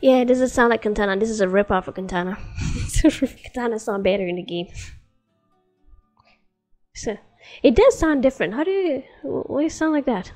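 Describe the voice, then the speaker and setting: A woman's voice: on the high side, lively intonation, moderate pace, long pauses, darkish tone, soft background music. A woman chatting casually as she tests a voice assistant, giggling often between her questions. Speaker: streamer testing a voice assistant. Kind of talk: casual chat.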